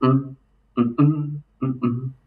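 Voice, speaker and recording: A man talking casually and loosely about his memories, halting and restarting often with lots of fillers. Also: medium pitch, flat delivery, narrow, tinny audio, faint music behind. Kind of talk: casual rambling monologue. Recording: roomy echo, mic at a distance.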